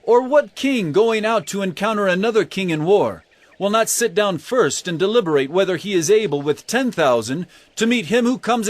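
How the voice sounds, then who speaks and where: An actor playing Jesus as an earnest teacher of parables in an audio drama, speaking in measured, emphatic oratory. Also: male voice, sits high, no room sound. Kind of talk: audio drama Bible acting.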